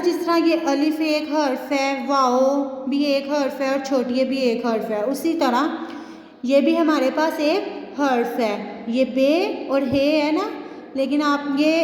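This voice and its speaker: A woman teaching a kindergarten reading class, slowly drawing out letter sounds and mixing in English. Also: high-pitched, darkish tone. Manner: slow, drawn-out spelling of letters, mixing in English. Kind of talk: recorded classroom lesson. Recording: echoey room with long reverb.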